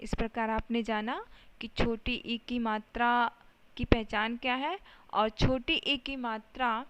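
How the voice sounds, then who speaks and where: A woman's voice: a little high, little pitch movement, slow pace, fairly bright tone, smooth. A woman teaching a lesson to young children, explaining patiently step by step and often checking that they follow.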